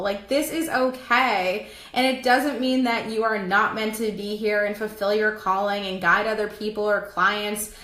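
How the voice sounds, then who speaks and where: Young woman coach on a livestream, chatty and upbeat, tired voice that's going, mid pitch, roomy echo. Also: bright, forceful tone. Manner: chatty and upbeat, many filler likes. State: losing her voice and exhausted. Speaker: business coach. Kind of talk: casual live-stream talk to viewers.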